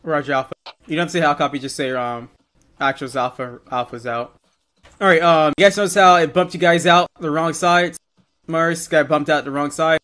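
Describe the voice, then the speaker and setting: A man with a somewhat high-pitched voice briefs trainees in a military simulation game. He explains procedures in a directive, informal way, correcting and quizzing as he goes. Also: normal speed, bright, forceful tone. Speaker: military-sim drill instructor. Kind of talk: instructional briefing in game roleplay.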